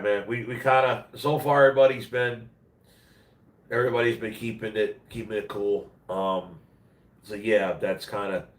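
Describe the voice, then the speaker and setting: A man with a fairly deep, congested and nasal voice rambles casually to his live chat. He sounds run-down and speaks bluntly, in loose slang. The room echoes around him and the mic is a little way off. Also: recorded from a distance. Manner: blunt, slangy, plain-spoken. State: under the weather, voice worn out. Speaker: live stream host. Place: at home, roomy-sounding indoor space.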